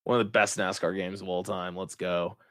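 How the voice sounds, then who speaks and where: A man hosting a racing podcast, chatting casually and excitedly with lots of fillers and restarts. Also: deep voice, brisk, no echo, clean studio sound. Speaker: podcast host. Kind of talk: casual chat.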